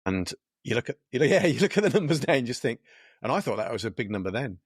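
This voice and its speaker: A man's voice: medium pitch, sing-song, fast talker, slightly rough, dry recording, clean studio sound. A man in his fifties, a dentist co-hosting the podcast, talking in a rambling, hesitant way over a video call. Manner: rambling, hesitant, many fillers and restarts. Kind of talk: casual interview chat.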